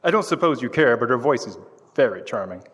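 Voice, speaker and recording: A man playing a cocky, sarcastic detective's assistant in a live old-time radio drama, breezy and quick with a quip. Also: medium pitch, very animated, fairly bright tone, slightly rough, lo-fi sound. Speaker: stage radio actor. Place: historic courthouse, live on stage. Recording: long reverb of a courthouse hall.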